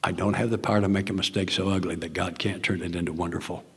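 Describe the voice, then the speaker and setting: A man's voice: low voice, steady tone, fast, slightly rough, in a large hall. An older man with a Southern American accent, telling his story in an earnest, plainspoken way at a recovery meeting, sometimes dropping to a near whisper. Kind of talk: personal talk at a recovery meeting.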